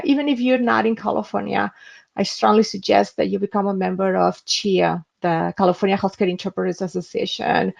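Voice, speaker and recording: Dull, lo-fi webinar audio carries a gravelly-voiced woman from Spain, an interpreter walking through a screen demo in an instructional talk. Her voice is mid-range and slightly mellow, and her earnest, advisory delivery is dotted with hesitations.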